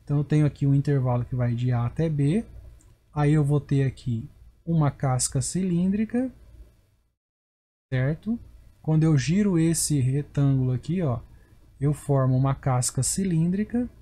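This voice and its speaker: A man's voice: a little high, normal speed, mellow. A male math teacher with a Brazilian Portuguese accent, giving a recorded lecture and checking in with viewers as he explains each step.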